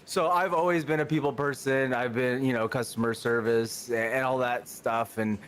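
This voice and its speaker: A man's voice: medium pitch, fairly even intonation, normal speed, fairly bright tone, a little hiss or hum. A man, chatting as a podcast guest in an outgoing, rambling way. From Canada. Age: 30s. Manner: outgoing, rambling, lots of fillers. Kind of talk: casual chat.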